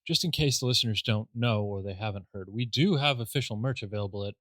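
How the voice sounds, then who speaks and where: A man co-hosting a podcast, teasing and quick with quips, swearing casually. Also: lowish voice, a bit bright, no room sound. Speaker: podcast co-host. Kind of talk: casual chat.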